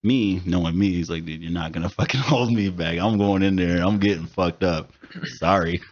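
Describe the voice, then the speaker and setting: A low-pitched man in his thirties hosts a podcast at a moderate pace, telling stories in casual, emphatic chat laced with profanity. The studio recording sounds dull and lo-fi.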